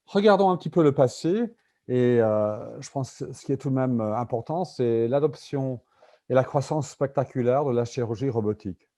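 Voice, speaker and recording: A man's voice: medium pitch, animated, normal speed, mellow. A native English-speaking man with a British accent in French, giving a conference presentation and hesitantly searching for his words. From Britain. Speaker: invited conference speaker, medical simulation executive.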